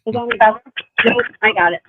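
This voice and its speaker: A woman's voice: on the high side, very fast. Woman sounding muffled, as inside a fishbowl. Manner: apologetic, fixing her audio. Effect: muffled, as if inside a fishbowl underwater. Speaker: guest YouTube creator. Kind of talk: casual chat. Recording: muffled phone-like line with noise.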